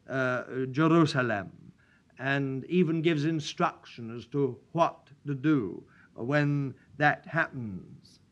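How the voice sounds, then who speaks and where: Slow solemn preacher guy at a pulpit mic in church, kinda high voice. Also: sharp tone. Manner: solemn and measured, old-fashioned prayer wording. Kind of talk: sermon with prayer and scripture reading. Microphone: pulpit microphone.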